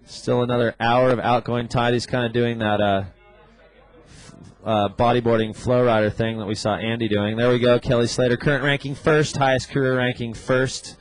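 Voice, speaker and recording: This is a man working as a surf contest announcer, calling the action live. His voice sits at an average pitch, and he talks conversationally, with relaxed surfer slang mixed into the scores and play-by-play. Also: normal speed, poor audio.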